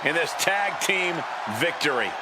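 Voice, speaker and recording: A man's voice: a little high, animated, measured pace. A man calling wrestling play-by-play in clipped, exclamatory phrases. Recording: loud crowd and impact noise.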